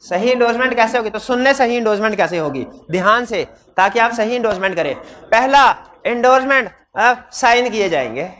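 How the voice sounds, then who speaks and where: A man teaching law in a hybrid classroom. He has a sore throat, speaks loudly into a microphone, and keeps putting questions to his students. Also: very high-pitched, lively intonation, a little fast. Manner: quizzes students with repeated questions. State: throat trouble, talking loudly. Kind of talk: classroom lecture.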